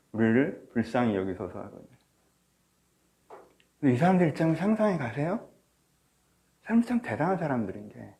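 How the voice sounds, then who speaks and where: A man preaching a sermon as pastor of a church, animated, swinging from soft asides to loud cries. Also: medium pitch. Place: church or small studio, online service.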